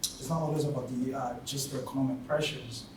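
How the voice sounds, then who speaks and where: A man speaks up from the audience, pausing often to find his words. He sits well away from the mic in a strongly echoing hall. A clear hum of room noise runs beneath him. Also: mid-range voice, steady tone. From Tanzania. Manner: halting, searching for words with many fillers. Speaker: audience member. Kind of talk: spoken remarks at a panel discussion. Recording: very echoey hall from far off, noisy.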